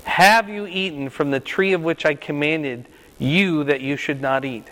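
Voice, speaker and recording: An older man with a loud, fairly high voice teaches an interactive Bible class, quizzing his group and repeating each question until someone answers. He talks very slowly and deliberately, and the room adds a long reverb.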